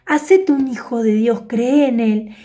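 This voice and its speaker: A woman's voice: on the high side, unhurried. A woman with an Argentine Spanish accent, telling a Bible story to children as a Sunday-school teacher, with playful sound effects and frequent "¿sí?" check-ins. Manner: animated storytelling with sound effects and tag questions.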